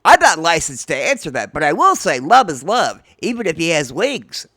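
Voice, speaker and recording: An unflappable, wry paranormal radio host played by a man, given to deadpan asides. The voice is bright and highly animated in pitch, close and dry in a late-night comedy drama. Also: moderate pace, no echo, exaggerated voice. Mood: wry, bemused.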